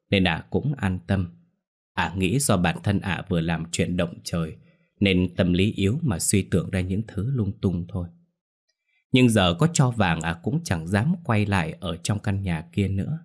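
A man narrating a ghost story in a calm, measured way. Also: low voice.

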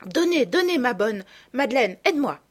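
A woman voicing an eager brave little girl. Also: normal speed. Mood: pleading. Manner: high, urgent and excited. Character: eager brave young girl, older sister.

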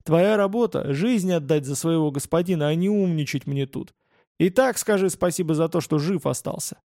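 A man voicing a haughty, quick-tempered young clan heir who talks down to others. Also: a little high, warm tone, dry recording, studio quality, lightly acted. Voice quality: domineering, haughty.

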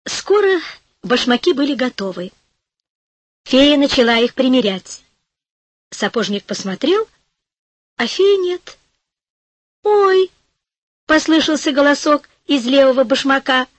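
A woman narrating a fairy tale for an audiobook, gentle and expressive. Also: high voice, unhurried, long pauses, no room sound. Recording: dry studio audiobook.

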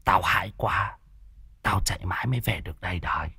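A man voicing a blustering, easily frightened old village man, full of loud exclamations. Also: deep voice, brisk, slightly rough, no echo, clean studio sound, full character voice. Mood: rattled. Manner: loud exclamations, boastful and rattled.

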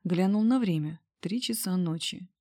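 A woman narrating a first-person story as an audiobook, in steady storytelling. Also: fairly low pitch, normal speed.

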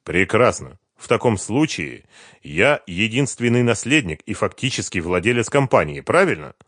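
A man's voice: lowish voice, very animated, moderate pace, fairly bright tone, dry recording, clean studio sound. A man voicing a firm young male heir who speaks coldly and curtly. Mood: stern. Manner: cold, curt and firm.

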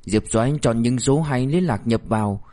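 A man narrating a novel audiobook with a steady, even storytelling delivery. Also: medium pitch, moderate pace.

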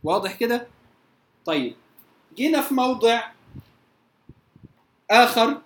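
Egyptian woman teaching recitation in a roomy space. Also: on the high side. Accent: Egyptian Arabic. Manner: recites examples slowly and drawn out, often checks if students follow. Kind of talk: tajweed lesson. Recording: roomy echo.

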